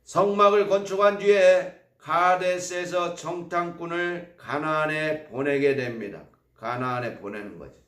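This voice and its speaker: A man preaching a sermon who keeps asking his congregation questions, switching between loud emphasis and soft asides. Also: a little high, a little slow. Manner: asks the congregation rhetorical questions. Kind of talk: evangelistic sermon. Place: church service hall. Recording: roomy, voice from far off the mic.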